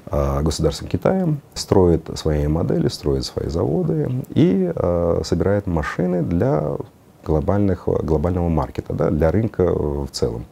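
A man's voice: low-pitched, big pitch swings, measured pace, vocal fry, mellow, breathy edge. A middle-aged man, giving a conversational studio interview in hesitant phrases with some English words slipped in. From Uzbekistan. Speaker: interview guest, car designer. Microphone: lapel.

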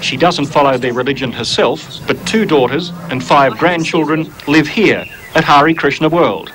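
A man's voice: a little high, moderate pace, music in the background, poor audio. Australian man reading wry news voice-over. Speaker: television reporter. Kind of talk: scripted news narration.

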